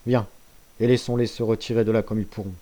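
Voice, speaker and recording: During a storybook reading, a man voices a sly, scheming ship's accountant who replies smoothly, guardedly and persuasively, pitching slightly above his narrator voice. The delivery is fairly low, flat, fast and dark-toned, only lightly acted.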